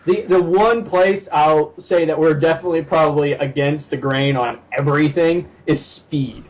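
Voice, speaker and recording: A man's voice: fairly high pitch, moderate pace. A young man chatting casually on a podcast, telling stories with lots of laughter. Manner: animated storyteller, laughs often. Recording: slightly muffled, faint background hiss.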